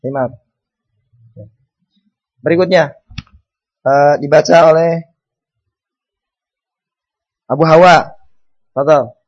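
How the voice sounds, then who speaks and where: A man's voice: a little high, fairly even intonation, slow pace, pauses often, muffled recording. A man teaching an Arabic class, calling on students to read and patiently repeating words and their meanings.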